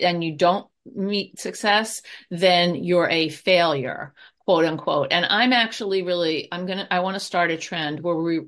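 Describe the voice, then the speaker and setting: A woman's voice: on the low side, a bit bright. A woman who is a guest expert on anxiety, giving advice in a chatty way with many fillers and restarts. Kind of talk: conversational advice.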